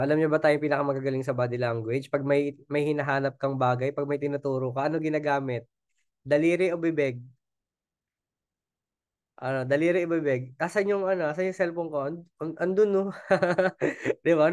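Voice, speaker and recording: Coaxing Filipino man, smooth voice. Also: medium pitch, no room sound. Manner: keeps asking the audience "di ba?", chatty and coaxing. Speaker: sales trainer. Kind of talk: casual Taglish training talk.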